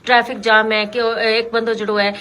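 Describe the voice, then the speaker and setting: A woman radio host with a bright, forward voice pitched a little high. She speaks, explaining things conversationally and directly to her listeners without a tight script. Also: flat delivery, fairly quick, slight background noise. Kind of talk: unscripted talk radio commentary.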